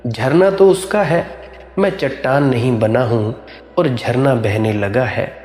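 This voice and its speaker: A man giving a slow, measured spiritual discourse, repeating refrains as he reflects. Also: medium pitch, a little mellow. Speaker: spiritual teacher. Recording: echoey hall with faint music.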